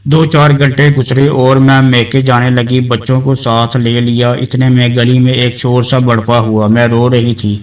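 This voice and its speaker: A man narrating a dramatic story in a woman's first person, reading in an even, measured way. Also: mid-range voice, recorded from a distance, low-quality recording.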